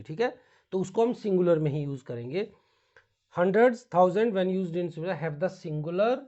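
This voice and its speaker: A man with an Indian accent teaching English grammar in a classroom, explaining slowly in Hindi mixed with English and spelling words out. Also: sits high, warm tone, dull audio.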